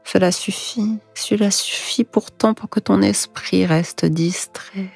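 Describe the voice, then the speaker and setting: A woman guiding sleep hypnosis in a hushed, breathy, soothing voice, slow and whispered right in the listener's ear. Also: mid-range voice. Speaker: hypnosis guide. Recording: echoing voice over music. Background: music.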